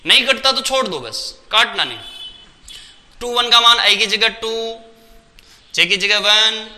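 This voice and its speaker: A man's voice: sits high, lively intonation, unhurried, bright, forceful tone, big-room sound. A man teaching a maths lesson step by step, asking questions and answering them himself.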